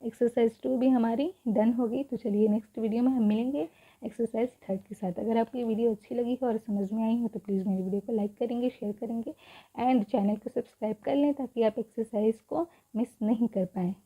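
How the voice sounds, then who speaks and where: A woman teaching spelling in Hindi, spelling words out slowly letter by letter, repeating each word and asking rhetorical questions. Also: a little high, steady tone, slightly rough. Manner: asks rhetorical questions to the viewer. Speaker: English teacher. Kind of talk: spelling lesson, Hindi explanation. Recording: dull lo-fi recording.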